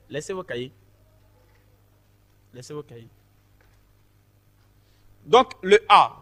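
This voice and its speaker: A man's voice: high-pitched, a bit bright. A man teaching a choir vocal technique, explaining vowel shapes patiently and counting the group in.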